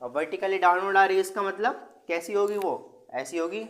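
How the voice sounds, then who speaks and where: एक अध्यापक, ऊँची आवाज़, सवाल पूछकर खुद जवाब देता. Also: male voice, sits high, normal speed, a bit bright. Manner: asks the class questions and answers them himself; mixes English terms into explanations. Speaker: teacher. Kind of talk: online class lesson.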